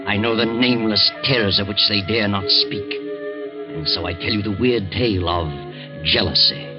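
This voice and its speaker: Over eerie music on a muffled old radio recording, a man plays a sinister all-knowing storyteller. His low voice narrates a mystery with ominous, theatrical weight. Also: normal speed, close to an everyday voice.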